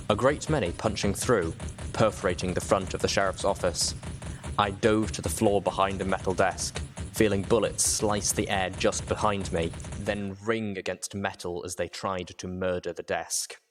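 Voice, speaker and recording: Reading from a script in the role of an audiobook narrator, a low-voiced man tells a work of fiction in the first person, his delivery dramatic and storytelling.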